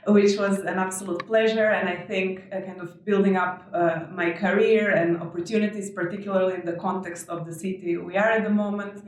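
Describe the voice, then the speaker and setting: A woman from Croatia, speaking as a guest in a podcast interview, thoughtful and measured with frequent hesitations. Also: mid-range voice, steady tone, slight background noise. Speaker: guest, architecture festival director. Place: indoor venue in London. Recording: very echoey room, voice far from mic.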